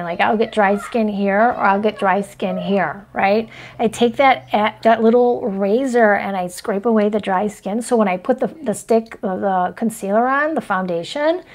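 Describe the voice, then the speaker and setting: A woman's voice: mid-range voice, darkish tone. Chatty woman in her forties, rambling. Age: 40s. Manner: rambling and chatty, keeps asking "right?" and "you know what I mean?". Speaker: astrology vlogger showing her makeup routine. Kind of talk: casual livestream chat.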